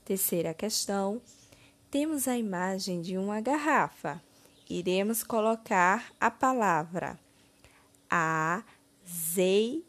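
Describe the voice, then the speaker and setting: A woman teacher with a Brazilian Portuguese accent going through a children's exercise, stretching each word slowly and clearly. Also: medium pitch, expressive. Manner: slow, deliberate, syllable-by-syllable word stretching. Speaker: primary school teacher. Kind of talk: slow, clear lesson narration.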